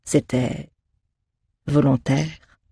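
A storybook reader voicing an old male druid who speaks calmly and slowly, pressing gently. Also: medium pitch, creaky, husky, no room sound, studio quality, exaggerated voice. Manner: calm, slow, measured.

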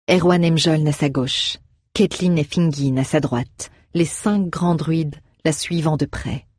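A woman narrating a fantasy novel at a steady, measured pace. Her voice is low and husky, recorded dry and close with no room sound. The reading is controlled and even. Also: no room sound. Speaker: audiobook narrator.

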